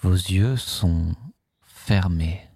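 Deep breathy guy talking you into sleep hypnosis, super slow and hushed, dark mellow tone, dry close sound. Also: no room sound. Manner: slow, soothing, hushed delivery.

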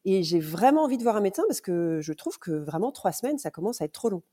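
Halting, soft-toned woman telling a story. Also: mid-range voice, very animated, husky. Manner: hesitant, many fillers and restarts. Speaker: podcast guest, mother. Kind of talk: casual storytelling interview.

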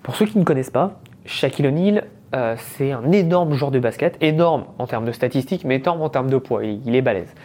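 A man in his thirties from France hosts a podcast in a relaxed, chatty storytelling style. He slips English business words into his sentences. His voice sits at an ordinary middle pitch. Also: brisk. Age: 30s. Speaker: podcast host. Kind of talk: casual storytelling monologue.

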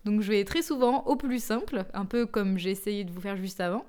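A woman's voice: mid-range voice, fairly quick, darkish tone. A young adult woman hosting a casual solo podcast, chatty and self-mocking, laughing often as she explains. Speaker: podcast host.

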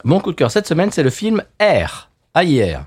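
A man's voice: on the high side, wildly swooping pitch, normal speed, darkish tone, slightly rough. A middle-aged French man co-hosting a podcast, telling a story in casual chat with many restarts and fillers. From France. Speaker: podcast co-host.

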